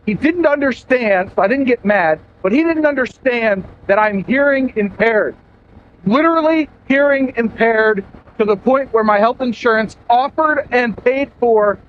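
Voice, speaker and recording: A man chats to camera from his motorcycle, his voice strained very high and loud as he yells over the wind. The sound is muffled and dull. A faint hum of engine and wind runs underneath. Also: normal speed. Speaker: motorcycle vlogger. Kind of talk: casual talk to camera while riding. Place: outdoors riding a motorcycle.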